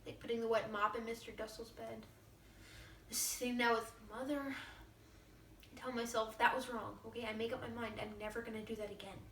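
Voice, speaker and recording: A woman playing a troubled teenage girl who pleads softly and earnestly with her father. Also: on the high side, little pitch movement, fairly quick, roomy sound, recorded from a distance, a little hiss or hum, close to an everyday voice. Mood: pleading.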